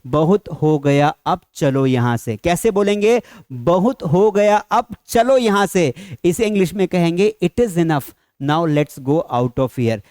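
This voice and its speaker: A man teaching spoken English with an Indian English accent, slowly stressing each English example and then explaining it briskly, often asking the viewer to repeat. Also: fairly high pitch, animated, a little mellow, no echo, clean studio sound.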